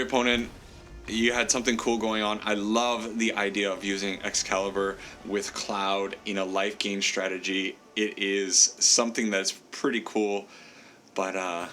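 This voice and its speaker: His voice sits fairly low but sounds bright and forceful, with a little hiss or hum in the recording. Congested with a cold, this gameplay commentator muses aloud over his card game, making self-deprecating jokes, laughing frequently, and saying sorry to his opponent.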